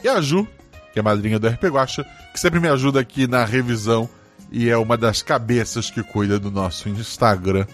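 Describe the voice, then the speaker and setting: A man's voice: mid-range voice, brisk, soft background music. A man with a Brazilian accent hosting a story game podcast, narrating as game master.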